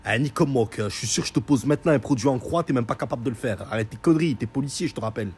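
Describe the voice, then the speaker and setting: A young man telling a story in a casual, sarcastic rant, mocking and animated as he recounts events. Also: mid-range voice, rapid-fire, slightly rough.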